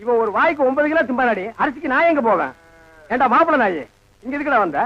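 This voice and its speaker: A sharp-tongued village grouch. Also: male voice, very high voice, animated, fast. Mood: scolding. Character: sharp-tongued insulting middle-aged village man. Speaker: grumpy householder in a comedy film. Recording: dull lo-fi film soundtrack.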